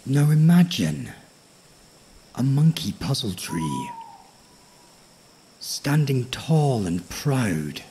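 A man with a husky, breathy voice narrating a bedtime story like a nature documentary, tranquil and measured, with frequent pauses. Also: mid-range voice, very animated, mellow, a little hiss or hum. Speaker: host of a sleep story podcast.

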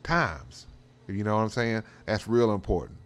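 He hosts a drag racing role-play channel, talking through the game in a rambling, slang-heavy style and leaning on the tag "you know what I'm saying." His fairly low voice swings widely in pitch at a moderate pace, over clearly audible background noise.

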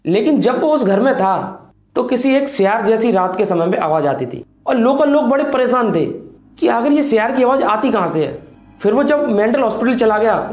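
Male host, 20s, dramatic ghost-story teller, very expressive pitch, roomy small-room sound. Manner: dramatic, drops low on ominous lines, hand gestures. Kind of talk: animated horror storytelling to camera. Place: small indoor room with cloth backdrop. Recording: echoey room, faint background music.

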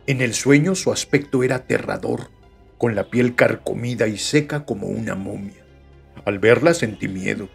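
Brief: Mexican male podcast host, husky and gravelly, lively swings in pitch, reads spooky anecdotes with jokey asides, faint music under. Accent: Mexican Spanish. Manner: chatty, joking asides between read passages. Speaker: podcast host reading listener stories. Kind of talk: casual storytelling reading.

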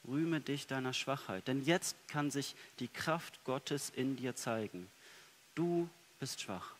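Male preacher, mid-pitched, earnest sermon delivery with soft and emphatic turns; faint hiss on the recording. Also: takes it slowly. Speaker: pastor. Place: church.

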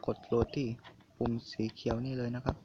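Young male gaming tutorial host, casual and hesitant, quiet on a cheap mic, gravelly with a dull, hissy recording. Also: medium pitch, little pitch movement, brisk. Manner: soft-spoken, hesitant, with filler words and mild swearing. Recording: quiet lo-fi recording with loud hiss.

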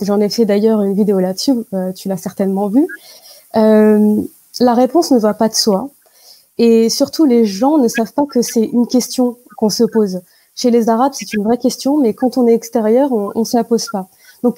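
A young woman answering interview questions over a video call, explaining carefully with many pauses and fillers. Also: fairly high pitch, dark tone, dry recording, poor audio. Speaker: guest. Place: indoor room at home. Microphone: video call with wired earphone mic.

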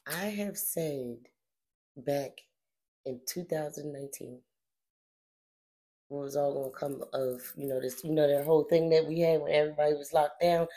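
A woman's voice: normal speed, long pauses. A middle-aged woman hosting a casual spiritual commentary, dramatic and slangy, dropping to whispers and rising to emphatic outbursts. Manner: dramatic, swings between low whispers and emphatic loud outbursts; casual slangy delivery with repeated phrases. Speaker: spiritual channeler and host.

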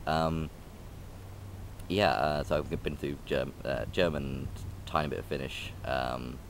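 Out in a park by a railway line, a young man records a rambling vlog on a phone or camera held near him. His pitch is extremely low, his intonation fairly even, and he speaks slowly against slight background noise, hesitating with lots of ums and restarts.

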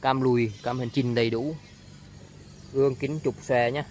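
A man giving an informal, halting sales walkaround of a used car, often repeating himself. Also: medium pitch, steady tone, darkish tone. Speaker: used-car seller presenting a car. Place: outdoors on a street beside a car. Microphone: handheld camera, speaker behind it. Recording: outdoor ambient noise.

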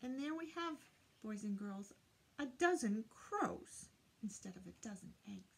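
An older woman reads aloud to children in a small indoor room lined with bookshelves, teaching in a sing-song way and asking her young listeners questions. Her medium-pitched voice is creaky with a breathy edge, and she speaks a little slowly.

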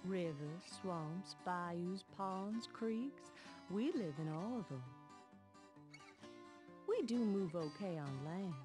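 A woman's voice: on the low side, lively intonation, slow, music in the background. A woman voicing a folksy alligator with a Southern US accent in an educational game.

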